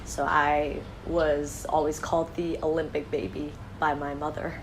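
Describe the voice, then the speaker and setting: Low-voiced woman in her thirties answering interview questions. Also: level tone, a little slow, noisy background. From born in Korea, raised in the United States. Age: 30s. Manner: thoughtful, with frequent fillers and restarts. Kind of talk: reading questions and answering them herself.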